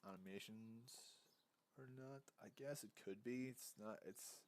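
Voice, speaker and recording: In a casual screen-recorded animation tutorial, a hungover man rambles along at his computer, easygoing and often correcting himself. His voice is medium-pitched and unhurried.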